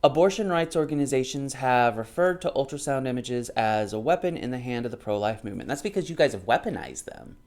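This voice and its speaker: This man in his thirties has a medium-pitched, darkish, expressive voice and talks a little fast with hardly any pauses. He reads a book aloud and answers it with casual, off-the-cuff reactions, arguing emphatically and repeating himself to drive points home.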